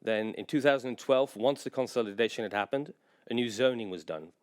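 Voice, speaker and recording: Speaking as a general manager at a conference, this Englishman has a medium-pitched, clean-toned voice. His delivery is measured and informative, with many pauses on fillers.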